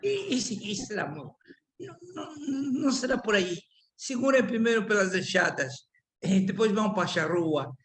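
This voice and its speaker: Speaking Portuguese with his native Angolan accent, this older man gives a thoughtful lecture that stumbles along with frequent restarts and repeated words. He has a high voice.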